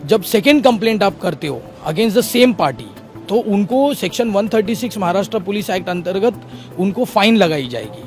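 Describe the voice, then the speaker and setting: Very animated and high-pitched, the petitioners' lawyer responds to a news interviewer at normal speed, walking through his legal arguments one by one with English legal terms sprinkled in. Faint music sits behind him.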